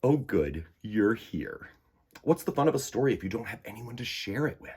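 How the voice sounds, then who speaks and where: Reading a children's picture book aloud, a man uses a fairly low, darkish, sing-song voice with a breathy edge at normal speed. As a storytime host, he delivers it dramatically and expressively, adding conversational asides.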